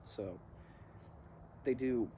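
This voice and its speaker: A man with a mellow voice reads poetry aloud at a very slow pace, pausing between short phrases and drifting into casual asides. He is smoking as he talks, and there is faint ambient noise behind him. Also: mid-range voice. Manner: deliberate, halting, broken into short phrases; smoking a cigar while talking. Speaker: vlogger reading poems aloud.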